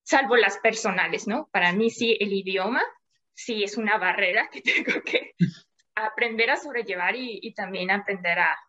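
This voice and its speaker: A woman's voice: medium pitch, moderate pace, pushed and bright, highs cut off. A young adult Mexican woman, a climate scientist, talking at length as an interview guest with small laughs in between, over a video call. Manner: thoughtful, explains at length with little laughs. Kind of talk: casual interview chat.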